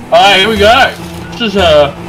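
A man streaming a car football game, chatting casually with a friend, joking and swearing with sudden excited yelps. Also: high-pitched, normal speed. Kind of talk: casual gaming stream chat. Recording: game music behind.

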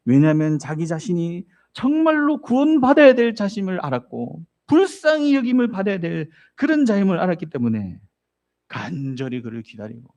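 A man's voice: high-pitched, sing-song, moderate pace, darkish tone, muffled recording. A male pastor preaching a sermon, telling the story vividly and putting rhetorical questions to the congregation. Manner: storytelling, acts out voices in the story.

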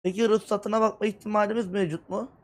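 A man's voice: sits high, fairly even intonation, fast. A man playing a tax officer in a game roleplay, using formal, officious phrasing. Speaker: player voicing a tax officer. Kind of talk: game roleplay over voice chat.

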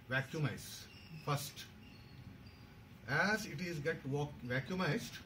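A man's voice: on the high side, recorded from a distance. A middle-aged man with an Indian accent giving a hands-on clinical demonstration step by step, switching between English and Hindi. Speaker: medical instructor. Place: crowded indoor hall. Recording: noisy room, picked up from afar.

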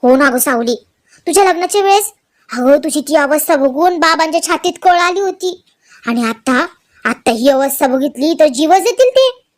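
A scheming, domineering older matriarch who coaxes and threatens by turns, as a woman reads her part. Her voice sits fairly high and her delivery is slow and pressing, pushing guilt at every turn. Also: animated. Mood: coaxing. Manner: coaxing, menacing, emotionally blackmailing. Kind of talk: dramatized serial recap reading.

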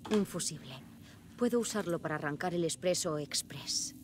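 A woman voicing a calm game investigator. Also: lowish voice, moderate pace, close to an everyday voice. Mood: matter-of-fact. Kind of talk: dubbed video game dialogue. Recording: game audio with loud background noise.

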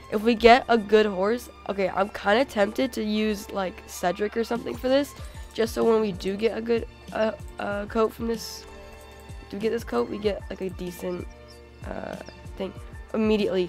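Soft game music sits faintly under a young woman's gameplay commentary for her gaming channel. She has a cold that leaves her mid-range voice hoarse and worn, and she gets excitable, peppering her casual talk with "oh my god" and "like."

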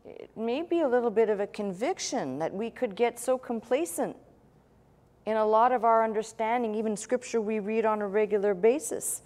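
A woman pastor preaching a sermon, measured and emphatic, with rhetorical questions. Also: a little high, darkish tone. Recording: long hall reverb.

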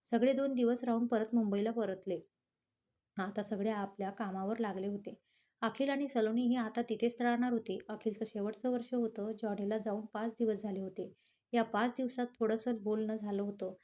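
Woman reading a love story aloud, steady, warm mellow voice. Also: fairly high pitch, normal speed. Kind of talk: scripted story narration.

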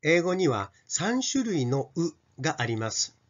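Slow, lively Japanese man teaching pronunciation. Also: fairly high pitch. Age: older. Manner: slow, careful, models English sounds for repeating. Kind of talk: scripted pronunciation lesson. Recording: slightly dull lo-fi sound.

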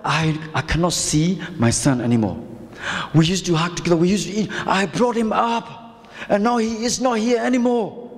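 A man's voice: high voice, normal speed. A man voicing a mournful grieving widow. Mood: grief-stricken. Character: grieving widowed mother, weeping. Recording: long church hall reverb.

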